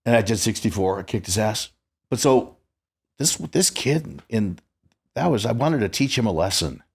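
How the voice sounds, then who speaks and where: A man's voice: fairly low pitch, animated, moderate pace, creaky, breathy edge. A man in his sixties hosting a podcast, telling stories in a boastful, profane, casual way. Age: 60s. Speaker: podcast host.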